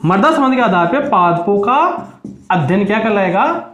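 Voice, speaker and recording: A man teaching an exam-prep lesson, drilling students with repeated questions that rise and answers that drop low. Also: sing-song, normal speed, fairly bright tone. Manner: asks high and answers low. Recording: echoey room.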